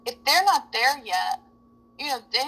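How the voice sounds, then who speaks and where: A woman guest speaking earnestly and reflectively, filling her thoughts with "like" and "you know." Her voice sits a little high and sounds bright and forceful. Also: very animated, unhurried, gravelly, rough recording. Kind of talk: reflective casual talk.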